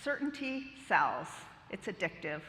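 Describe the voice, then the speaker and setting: A middle-aged woman giving a lively keynote talk to an audience, telling playful stories and asking the crowd questions. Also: fairly low pitch, a little slow, a little hiss or hum. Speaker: keynote speaker. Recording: roomy hall reverb.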